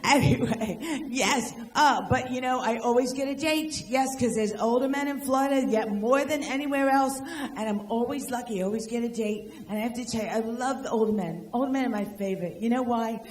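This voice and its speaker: An older woman with a slightly high voice performs stand-up at a live venue with an audience, firing off brash, rapid-fire jokes and teasing people in the crowd. The sound is reverberant.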